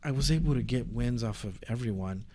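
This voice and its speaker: A man's voice: mid-range voice, a little fast, darkish tone, no room sound. A man who plays arcade fighting games, answering interview questions earnestly with some stumbling restarts. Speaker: podcast guest, arcade fighting game player. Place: podcast studio.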